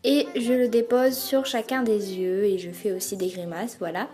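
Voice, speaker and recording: A woman's voice: medium pitch, fairly even intonation, normal speed, a little mellow. A young woman giving a casual, hesitant voice-over of her routine, with many fillers. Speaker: beauty vlogger. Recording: voice-over with faint music behind.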